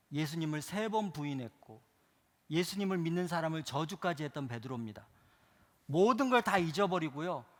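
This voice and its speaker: A man's voice: sits high, fairly bright tone, big-room sound. A male pastor preaching a sermon, driving it with emphatic rhetorical questions that build in intensity.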